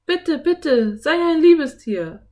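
A woman reading a children's audiobook, voicing an excitable, curious young girl who pleads and cries out in a high, breathless voice. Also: normal speed, gravelly. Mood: excited girl.

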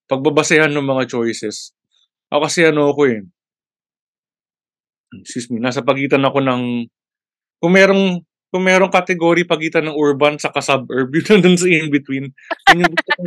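A man chatting casually as a podcast co-host, halting often to search for words and mixing in English phrases. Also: medium pitch, no echo, clean studio sound. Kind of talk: casual chat.

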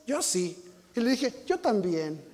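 Preaching a sermon in a Mexican Spanish accent, a man with a very high-pitched, very animated voice tells a personal story with sound effects, building to shouted appeals. He speaks slowly, and the recording has a big-room sound.

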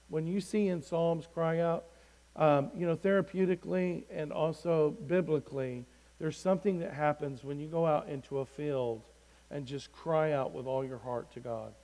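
A middle-aged man gives his testimony from the pulpit in a somewhat high voice. He talks earnestly and swells to a near shout when he reads scripture aloud. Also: poor audio. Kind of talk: testimony sermon.

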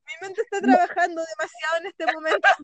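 A woman's voice: very high voice, steady tone, a little fast, fairly bright tone. A woman with a Chilean accent co-hosting a podcast, chatting in a giggly, gushing fan manner. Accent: Chilean Spanish. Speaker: podcast co-host. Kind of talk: casual chat.

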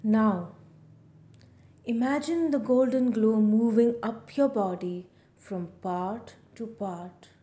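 A woman leading a scripted guided relaxation in a soft, breathy spa near-whisper, soothing, with long pauses between short phrases. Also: a little high.

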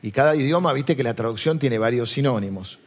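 A man's voice: mid-range voice, expressive, a little fast, husky. A man with a Rioplatense Spanish accent preaching a chatty, digressive sermon and often asking his listeners questions. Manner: chatty, digressive, asks the audience. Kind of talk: conversational sermon.

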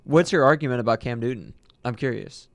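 A man's voice: medium pitch, brisk, vocal fry, no room sound. A man in a casual sports chat who challenges others with pointed questions. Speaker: podcast guest.

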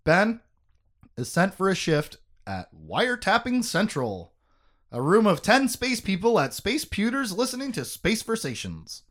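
Male podcast host, lively and jokey, slightly high-pitched, swears freely. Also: measured pace. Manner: animated, joking, laughs often, swears. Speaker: podcast host recapping a book. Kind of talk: casual chat.

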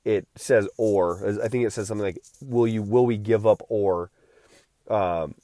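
Rambling man in his thirties, low voice. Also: measured pace, mellow, no echo, clean studio sound. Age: 30s. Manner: rambling, with many restarts and filler words. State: recovering from feeling unwell. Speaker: podcast host. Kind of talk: casual solo podcast monologue.

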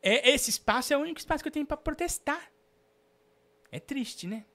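Fields: animated, high-voiced male stream host. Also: fairly quick. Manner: theatrical, swings from murmured asides to shouting. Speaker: host of a comedy live stream. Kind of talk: comedic live-stream banter with callers.

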